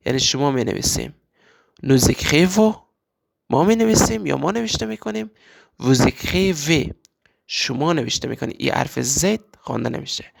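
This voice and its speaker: A man teaching a language lesson, repeating example words slowly and drawn out. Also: on the high side, creaky. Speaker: French teacher.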